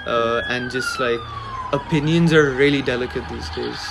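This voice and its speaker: A man's voice: mid-range voice, huge pitch swings, normal speed, creaky, background noise. A young man from Pakistan, interviewed in casual conversation, talking hesitantly with many fillers and restarts. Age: young adult.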